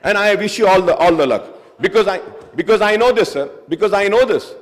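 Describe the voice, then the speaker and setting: A man's voice: sits high, expressive, extremely slow. A man speaking in a legislative assembly debate, addressing the chair as sir again and again and switching between Hindi and English. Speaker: member of a state legislative assembly. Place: large legislative assembly chamber. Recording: long reverb of a large hall.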